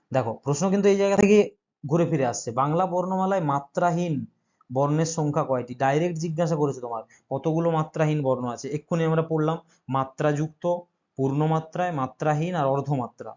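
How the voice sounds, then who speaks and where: A man's voice: on the high side, fast talker, a little mellow, highs cut off. A male teacher who explains an exam-prep grammar lesson step by step and keeps checking that his students follow.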